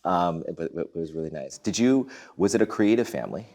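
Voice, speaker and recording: A man with a low voice asks questions in a relaxed, chatty way. He is enthusiastic and often chimes in with quick affirmations as the conversation goes on. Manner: warm, enthusiastic, quick interjections and affirming "yeah"s. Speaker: film director interviewing a colleague. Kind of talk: casual conversational interview.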